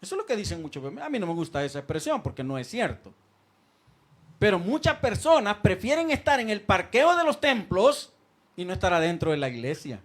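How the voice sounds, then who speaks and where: Male preacher, high voice, very lively delivery, church sermon on a handheld mic. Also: a little fast. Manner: lively preaching, swings from loud calls to soft asides. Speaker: pastor. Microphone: handheld microphone.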